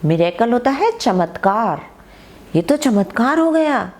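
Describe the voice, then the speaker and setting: A woman teacher giving an online grammar lesson, who explains slowly and reads her example sentences aloud with emphasis. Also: a little high, big pitch swings, a little mellow.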